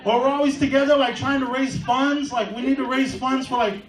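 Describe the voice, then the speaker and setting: Man with a very high voice doing stand-up from a far mic in a noisy club, rambling bits with shouted punchlines. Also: fairly even intonation, brisk, crowd noise. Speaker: stand-up comedian. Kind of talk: stand-up set. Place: comedy club stage. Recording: echoey club, far mic, audience laughter.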